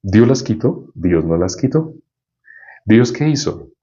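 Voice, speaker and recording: A man's voice: fairly low pitch, very animated, slow, warm tone, lo-fi sound. A male preacher giving an informal Bible teaching in a conversational way, often asking his listeners questions.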